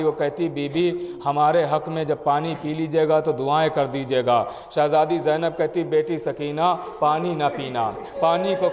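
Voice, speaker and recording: A man, a cleric telling a mourning story in a sermon with emotive, dramatic delivery. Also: fairly high pitch. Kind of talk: majlis sermon narration. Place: mourning gathering hall. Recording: long hall reverb.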